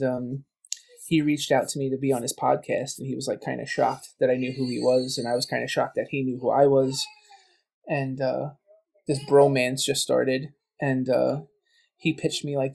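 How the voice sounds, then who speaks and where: A man's voice: medium pitch, gravelly, darkish tone. A man guesting on a podcast, chatting casually and telling stories full of quoted back-and-forth. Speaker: guest, game writer and voice actor.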